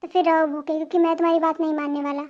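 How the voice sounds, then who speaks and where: A woman's voice: high-pitched, flat delivery, rapid-fire, lightly acted. A woman voicing a stern, strict father in an amateur fan dub, firm and commanding. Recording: dull lo-fi home recording.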